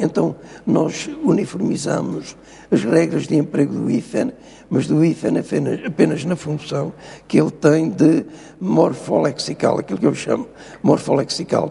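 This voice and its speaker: A man's voice: a little high, creaky, dark tone, breathy edge, in a large hall. An older man with a European Portuguese accent, a professor explaining spelling rules in a TV interview, lecturing and insistent. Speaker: linguistics professor, guest. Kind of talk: TV studio interview.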